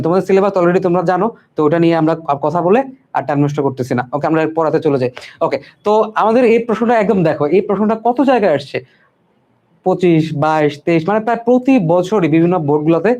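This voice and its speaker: A man's voice: on the high side, a little mellow. A young man from Bangladesh teaching an online exam-prep lesson, repeating points and slipping in English words. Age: young adult. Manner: repetitive, reassuring, mixes English words. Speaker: tutor.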